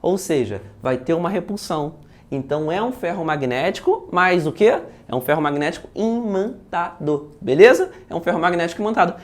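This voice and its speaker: A man with a Brazilian accent, a physics teacher working through exam questions in a video lesson, talking in a lively, chatty way and often asking his students if they follow. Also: fairly high pitch, fairly quick.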